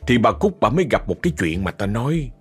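Talking fast with a breathy edge and big swings in pitch, this man has a fairly low voice and a Southern Vietnamese accent. He chats his way through a ghost story, speaking directly to listeners, while faint music sits in the background.

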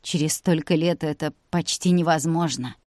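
Woman doing a gloomy young guy, low grudging mutter, dry close sound. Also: normal speed, a little mellow, dry recording, natural voice. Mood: glum wry. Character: young man, gloomy, wry, reluctant.

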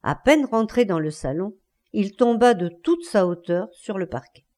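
A woman narrating a classic novel as an audiobook, in a measured, expressive reading. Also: medium pitch.

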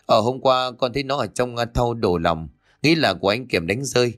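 A man's voice: mid-range voice, normal speed, close to an everyday voice. A man voicing a nervous, evasive young village man who stammers. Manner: stammering, hesitant.

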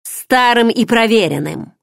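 A woman's voice: on the high side, lively intonation, a little slow, gravelly, dry recording, clean studio sound. A woman reading an audiobook voices an unhinged, violent man who hisses his threats. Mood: menacing. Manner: hissing, menacing.

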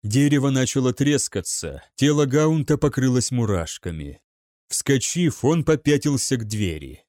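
A man's voice: medium pitch, expressive, unhurried, a little mellow, no room sound, clean studio sound. A man reading an audiobook with dramatic, scripted narration. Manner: dramatic storytelling.

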